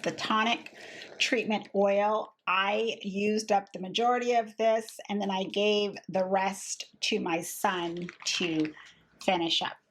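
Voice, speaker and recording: A woman in her thirties, a beauty vlogger, chatting casually and candidly about products she has used up, with a husky voice. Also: medium pitch, a little hiss or hum. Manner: chatty, candid, frequent fillers and restarts. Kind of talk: casual product review chat.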